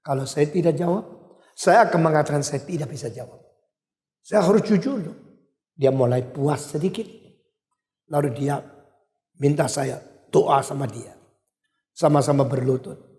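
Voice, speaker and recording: An older male pastor with an Indonesian accent preaching a sermon with emphatic swings in loudness. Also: on the high side, moderate pace, long pauses. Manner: emphatic, wide swings in loudness, switches briefly to English. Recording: echoey hall.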